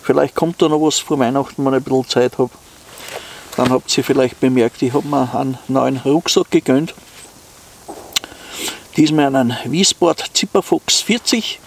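Outdoors in snowy woods, an outdoor vlogger with an Austrian accent talks to his viewers in a casual, unscripted, rambling manner. His voice is mid-range, with slight background noise.

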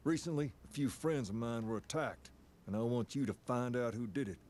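A man playing a cool, self-assured gang boss in a video game, speaking in a measured, authoritative way. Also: medium pitch, a little mellow, a little hiss or hum, natural voice. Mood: cool, serious. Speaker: gang leader giving quests. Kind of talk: video game character dialogue.

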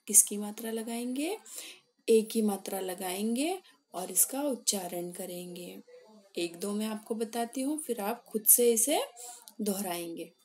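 A woman teaching a children's class, asking questions and repeating drawn-out words for her young pupils. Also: mid-range voice, mellow. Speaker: primary school teacher. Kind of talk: slow classroom lesson.

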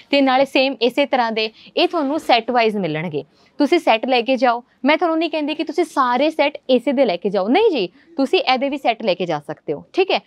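A young woman talks straight to the viewer in a chatty, reassuring way. Her voice sits fairly high. The sound is dry and close, picked up by a lapel mic while she sits in a clothing showroom. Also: dry recording. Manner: chatty, reassuring, direct address. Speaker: company presenter. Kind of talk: promotional talk to camera. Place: large clothing showroom indoors.

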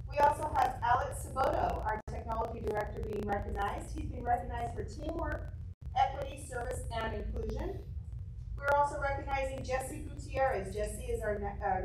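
A middle-aged woman at a podium, steadily reading out a list of staff recognitions with small fillers. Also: on the high side. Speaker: district staff presenting awards. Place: large school board meeting room. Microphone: podium mic seen from a far camera. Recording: echoey room mic from far off with hiss.

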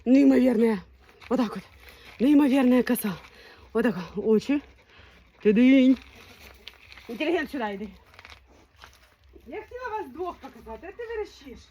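A woman's voice: high-pitched, lively intonation, normal speed, long pauses, dark tone. A woman dog breeder in a casual vlog, talking playfully and in baby talk to her puppies, laughing now and then.

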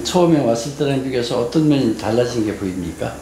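A man's voice: mid-range voice, expressive, racing. A man speaking as a clinician, putting questions to a patient and giving explanations. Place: small clinic room, indoors. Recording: roomy clinic with clear background noise.

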